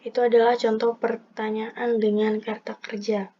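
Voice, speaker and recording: Young female presenter, higher voice, soft husky tone, steady numbered delivery, dull lo-fi sound. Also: moderate pace. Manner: methodical, numbering each point in turn. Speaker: presenter explaining punctuation. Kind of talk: scripted lesson read aloud. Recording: dull lo-fi recording.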